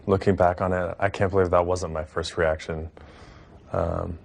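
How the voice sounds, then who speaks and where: A young man in his twenties recalling past events in an interview, in a measured, reflective way. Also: creaky. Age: 20s. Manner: low, flat, measured, reflective. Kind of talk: interview recollection.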